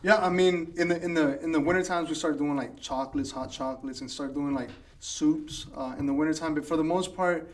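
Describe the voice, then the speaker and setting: A man's voice: a little high, fairly quick, hardly any pauses. A man in his thirties telling stories about his life in a casual interview, restarting his sentences often. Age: 30s. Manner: relaxed storytelling with many restarts. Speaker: interviewee, food business owner. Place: coworking space.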